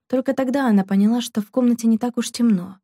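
A woman narrating a romance novel in a calm, even reading voice. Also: fairly high pitch, fast talker, no echo, clean studio sound. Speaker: audiobook narrator. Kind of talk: scripted narration.

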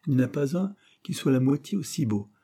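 A man's voice: medium pitch, lively intonation, fast talker, warm tone, voice pushed up. A man voicing a confident young male clerk who jokes and banters lightly. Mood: joking.

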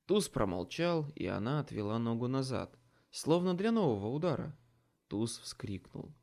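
A man's voice: mid-range voice, normal speed, gravelly. Guy narrating a fantasy audiobook, dramatic, lots of movement in his voice. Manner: dramatic, expressive storytelling. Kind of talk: scripted first-person audiobook narration.

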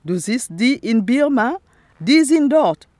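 A woman from the Republic of the Congo, an artist whose first language is Teke, is interviewed in a casual chat outdoors by a lake. Speaking German with a Congolese accent, she talks slowly and haltingly, searching for words and relying on many fillers. Her voice is a little high, sing-song and a little mellow, captured in a dry, close recording with no echo.

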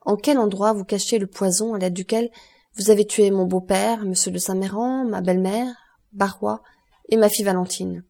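A woman's voice: mid-range voice, fairly even intonation, dark tone, lightly acted. A woman reading a cold, stern magistrate. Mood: cold, accusing. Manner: measured, cutting, contemptuous. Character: cold stern male magistrate, icy and accusing.

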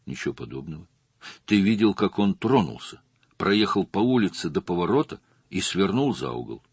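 A man reading an audiobook, voicing a calm, patient male police detective who questions in a measured way. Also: low voice, slightly rough, dry recording, heavily acted. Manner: measured and probing.

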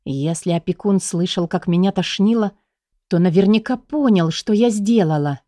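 Woman reading a first-person novel, warm low tone, dead dry recording. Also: moderate pace, no room sound. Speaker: audiobook narrator. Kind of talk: first-person scripted narration.

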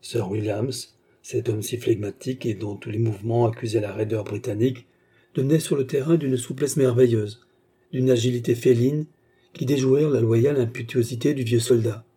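A man narrating a classic novel aloud in a steady, measured way. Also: medium pitch, slightly rough. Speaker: audiobook narrator.

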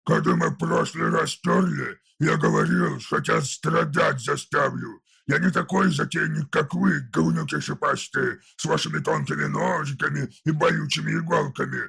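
A hulking, foul-mouthed orc warlord growls his words in a deeply gravelly, throaty rasp. The voice sits a little above the storyteller's own register, with coarse, slangy delivery full of brutish mockery, like an audiobook villain. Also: normal speed, few pauses, fairly bright tone, heavily acted. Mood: mocking. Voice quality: gravelly, rough. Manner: crude slangy speech. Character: huge brutish male orc warlord, crude and mocking. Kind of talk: audiobook character voice.

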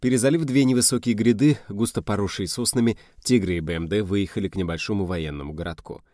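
A man narrating an audiobook in a steady, even storytelling manner. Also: lowish voice, quick pace, no room sound, studio quality.

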